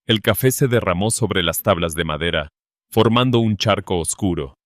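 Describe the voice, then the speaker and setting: A man giving a scripted, steady and dramatic narration of a western story. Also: sits low, normal speed, dry recording, clean studio sound.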